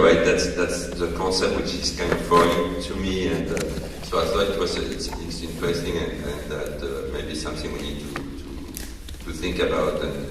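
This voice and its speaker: Very deep-voiced man moderating a panel. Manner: halting, many restarts. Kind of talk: academic panel discussion. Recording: echoey hall, distant mic, noise.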